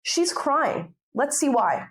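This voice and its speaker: Assertive woman host, fairly high voice. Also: very animated, slow, fairly bright tone. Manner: assertive, emphatic. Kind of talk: opinion commentary.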